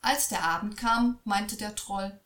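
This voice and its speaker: A woman reading a fairy tale aloud in a slow, expressive storytelling voice. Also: medium pitch. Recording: echoey room.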